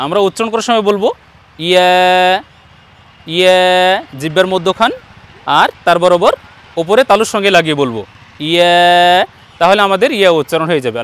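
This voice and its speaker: A man's voice: high-pitched, fairly bright tone. Patient Bengali-accented male Quran teacher. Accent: Bangladeshi Bengali. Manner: slow, patient, drawn-out letter demonstrations. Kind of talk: online Arabic letter pronunciation lesson.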